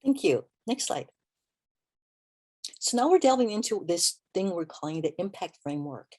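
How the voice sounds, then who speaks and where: A woman evaluator giving a webinar presentation in a measured way, pausing often with ums and asides. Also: mid-range voice, very animated, dark tone, husky.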